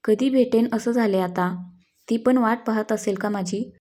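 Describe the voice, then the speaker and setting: A woman's voice: a little high, a little slow, dark tone, close to an everyday voice. A woman voicing a stern, protective young man. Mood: tender. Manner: firm, interrogating, then tender.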